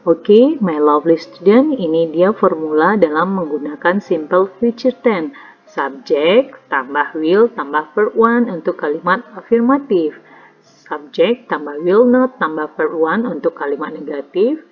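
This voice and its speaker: Woman teacher with an Indonesian accent, low husky voice, recorded grammar lesson, tinny audio with faint music. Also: animated. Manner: slow and deliberate, reads English examples aloud then translates them. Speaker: English teacher.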